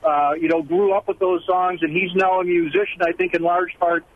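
A middle-aged man from Milwaukee calling in on speakerphone while driving, earnest and halting, with many fillers and restarts. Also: high voice, level tone. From Milwaukee, USA. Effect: speakerphone in a moving car, heard over the phone line. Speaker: caller. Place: driving car. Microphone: car speakerphone. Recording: tinny phone line with faint car noise. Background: faint road noise.

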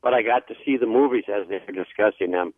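A man's voice: on the low side, fast, no room sound. A man calling in to a radio show over a phone line, chatting in an easygoing way. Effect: call-in voice heard over a phone line. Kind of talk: casual call-in chat.

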